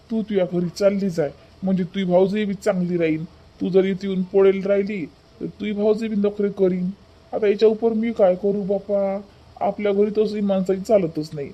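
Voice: mid-range voice, fairly even intonation, moderate pace, dark tone, lo-fi sound, natural voice. A voice actor playing a meek cartoon son. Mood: plaintive. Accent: Vidarbha Marathi. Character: mild office-working son, meek before his mother and wife.

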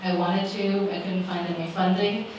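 A woman's voice: lowish voice, level tone, moderate pace, darkish tone. A woman author in her forties answering audience questions on a panel, thoughtful with many fillers. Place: living room with small audience. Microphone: handheld microphone. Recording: roomy sound from far camera, background noise.

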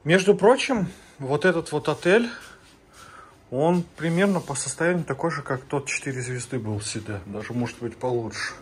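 A man's voice: fairly high pitch, lively intonation, moderate pace, a little hiss or hum. A man narrating his travel vlog while walking around with a phone, chatting to viewers as friends with plenty of fillers. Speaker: travel vlogger. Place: outdoors and in hotel rooms, walking with a phone.

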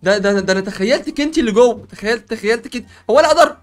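A man with an Egyptian accent, playing a barber in a comedic game role-play, joking and stammering in quick repeats. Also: sits high, animated.

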